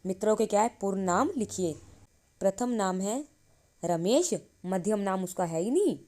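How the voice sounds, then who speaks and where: A woman's voice: mid-range voice, lively intonation, warm tone. A woman teaching a grammar lesson, asking questions and answering them herself, drawing out each syllable as she reads it. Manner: slow, drawn-out reading of syllables. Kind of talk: Sanskrit grammar lesson explained in Hindi.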